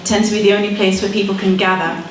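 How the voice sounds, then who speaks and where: A woman's voice: medium pitch, fairly even intonation, fast, distant mic, background noise. A woman in her thirties, from Malawi and raised in Zimbabwe, giving an earnest, persuasive debate speech with wry asides. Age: 30s. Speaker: speaker in a debate. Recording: very echoey hall, speaker away from the mic.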